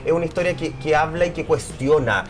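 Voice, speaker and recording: Man, Chilean accent, TV panelist, talk-show commentary, clear music bed underneath. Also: a little high, brisk. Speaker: TV panelist and co-host.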